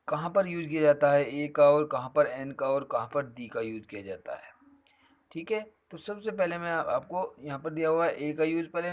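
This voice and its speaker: A male teacher walks his students through a grammar lesson. His voice sits a little on the high side, and he explains patiently, slipping in a fond "beta" as he goes.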